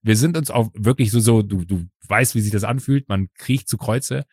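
A man hosting a casual chat who tells a personal story, acting out the voices he quotes and filling pauses with "uh". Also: on the low side, husky, dry recording, clean studio sound. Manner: lively storyteller who acts out quoted voices, frequent "äh" fillers.

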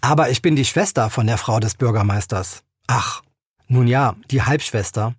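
A man's voice: medium pitch, normal speed, husky, no room sound, studio quality, close to an everyday voice. A man putting on a scolding older woman. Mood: haughty. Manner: scolding, lecturing. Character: indignant older woman, tall and bony.

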